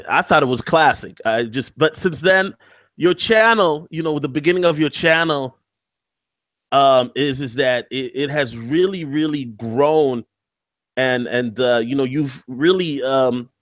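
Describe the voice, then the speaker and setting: A man hosting a casual live-stream interview over a video call, his audio choppy and lo-fi from a bad connection, talking in a halting way with many fillers. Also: medium pitch, fairly bright tone, dry recording. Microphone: video call from a backup laptop.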